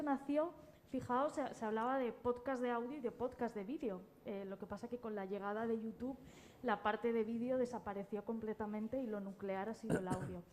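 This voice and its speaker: A woman who edits podcasts speaks as a panelist in a spontaneous discussion at a live festival event, working through her explanations aloud and repeating words along the way. Her voice is medium-pitched and a little mellow, with slight hiss or hum in the background.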